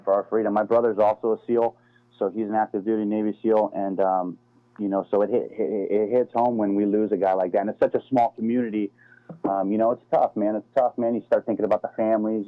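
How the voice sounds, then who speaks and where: A middle-aged American man with a low voice speaks as an interview guest, loose and slangy, tacking "man" and "dude" onto his sentences. His voice comes through a thin, narrow phone line. The sound is dry, with no room around it. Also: no room sound. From United States. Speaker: interview guest, former Navy SEAL. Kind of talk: casual interview over the phone.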